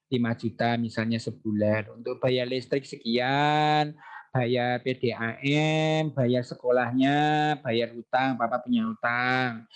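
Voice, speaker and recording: A man giving an online parenting seminar, talking in a lively way and acting out dialogues between parents and children. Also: mid-range voice. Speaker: parenting speaker.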